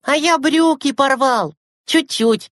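A woman reading a storybook and voicing young schoolboys, whiny and excitable. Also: high-pitched, slow pace, no room sound, clean studio sound, voice pushed up. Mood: eager. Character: young schoolboy brothers, eager and sulky.

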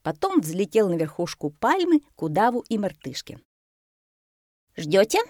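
A woman reading a children's story aloud in an expressive, unhurried way. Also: medium pitch, no echo, clean studio sound.

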